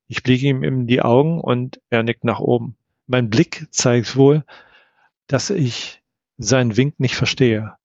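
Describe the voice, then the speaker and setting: A man narrating a first-person audiobook in a measured storytelling manner. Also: mid-range voice, gravelly, darkish tone, no room sound. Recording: dull, slightly lo-fi.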